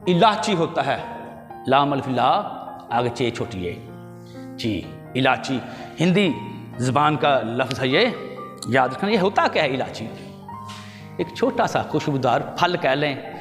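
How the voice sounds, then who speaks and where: A man's voice: a little high, long reverb tail. A man teaching pronunciation, patiently correcting words, spelling out vowel marks and calling his viewers "children". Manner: addresses viewers fondly as children. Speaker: language teacher. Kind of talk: pronunciation lesson.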